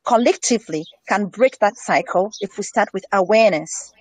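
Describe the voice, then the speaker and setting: A woman with a mid-range, slightly breathy voice talks at a normal speed as a health educator in an earnest conversational interview about health. She repeats key phrases for emphasis, and the recording is dry.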